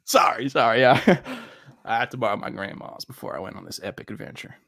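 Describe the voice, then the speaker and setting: A bumbling cowboy outlaw in a wheelchair, played by a man, in an improvised comedy sketch. His voice is gravelly and bright, swinging widely in pitch, recorded dry and close. He flusters and laughs his way through each exchange. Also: lively intonation, fairly quick, no room sound. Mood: flustered. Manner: flustered, laughing, yelling when pestered. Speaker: comedy podcast performer.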